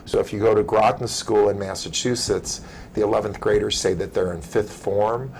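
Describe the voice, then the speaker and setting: A man's voice: lowish voice, fairly even intonation, moderate pace, gravelly, a little mellow, slight background noise, rough recording. An American man hosting an interview in a conversational but formal way, as a university provost would.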